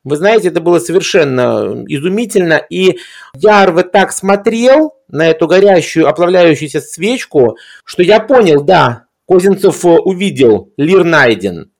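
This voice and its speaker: A man's voice: fairly high pitch, big pitch swings, moderate pace, creaky. A man discussing film in a reflective conversational way, hesitant, with erudite and formal wording.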